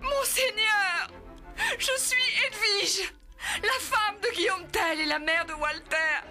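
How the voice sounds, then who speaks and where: A desperate mother begs for mercy, as a woman plays her, crying as she pleads. Her voice is very high and slow, breaking with tears. Music swells under the storybook reading. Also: pushed and bright, full character voice. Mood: pleading. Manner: imploring, pleading.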